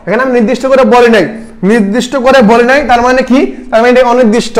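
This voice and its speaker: A young-sounding man runs an exam-prep lesson at a fast clip. He fires questions at his students, answers them himself and repeats the key point. The talk is loose and casual, like a tutor among his own pupils. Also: very high voice, fairly even intonation. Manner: sings short song lines to make a point. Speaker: admission test tutor.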